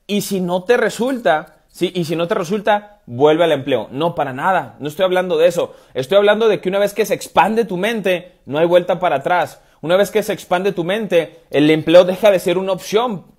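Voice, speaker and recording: A man's voice: high-pitched, moderate pace, darkish tone. A man in his thirties giving a motivational live stream as a business coach, talking emphatically with repeated rhetorical questions. He speaks indoors into a wired earphone mic in front of a phone camera. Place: indoors, room with stone-pattern wall. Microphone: wired earphone headset mic, phone camera.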